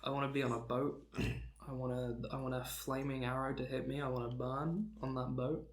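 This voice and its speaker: A young man co-hosting a podcast, joking deadpan in a rambling, casual way with plenty of filler words. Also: mid-range voice, a little fast. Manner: rambling, deadpan jokes, frequent "um" and laughter. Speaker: podcast co-host. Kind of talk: casual comedic chat.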